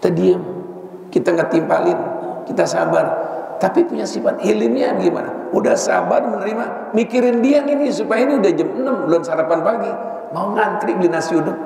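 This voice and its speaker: Gravelly Betawi preacher in an echoey mosque. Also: male voice, high voice, fairly quick. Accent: Betawi Jakarta. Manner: animated, acts out quarrels in mock voices. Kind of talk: sermon. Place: mosque hall. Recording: echoey hall, distant mic, faint hiss.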